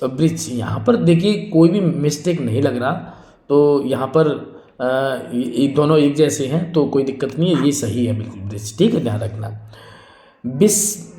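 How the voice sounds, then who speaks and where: A man's voice: mid-range voice, warm tone, roomy sound. A man teaching Hindi spelling for exam prep, repeating each word, asking a question and answering it himself, and calling his students friends. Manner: repetitive drilling, asks then answers his own questions; addresses students as friends and brother.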